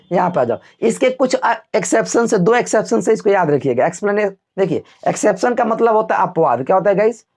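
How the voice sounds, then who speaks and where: A man teaching a video lesson in a chatty, relaxed way. He often asks his students a question and then answers it himself. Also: sits high. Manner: homely everyday comparisons, relaxed teacherly tone. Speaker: English teacher. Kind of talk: classroom-style video lesson.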